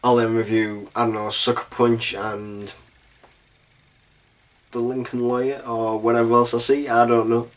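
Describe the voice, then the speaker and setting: A man's voice: medium pitch, little pitch movement, measured pace, pauses often, distant mic. A young man giving a casual, chatty film review, loose and full of filler phrases. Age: young adult. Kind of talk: casual spoken movie review.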